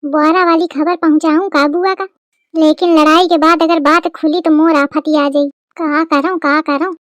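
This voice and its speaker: A woman's voice: high voice, steady tone, fairly bright tone. A woman voicing a young scheming village daughter-in-law in a cartoon comedy, chattering in dialect. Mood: plotting. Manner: brisk rustic dialect chatter.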